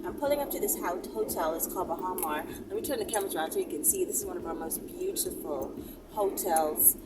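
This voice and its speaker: A woman with a lowish voice talks fast as she hosts a casual vlog, rambling in a playful, bossy way as if telling viewers what to do. The recording is very noisy, with a distant mic and vehicle ambience.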